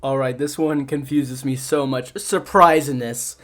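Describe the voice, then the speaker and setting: A man's voice: mid-range voice, fairly even intonation, unhurried, fairly bright tone. A young man, a video creator, reading aloud and reacting in casual commentary, laughing often, swearing and sounding exasperated.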